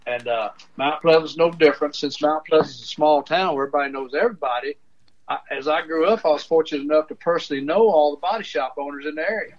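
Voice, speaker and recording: A man's voice: a little high, quick pace. Older man on muffled speakerphone. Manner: rambling, restarts often. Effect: heard over a phone speaker. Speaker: author and storyteller. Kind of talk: folksy storytelling.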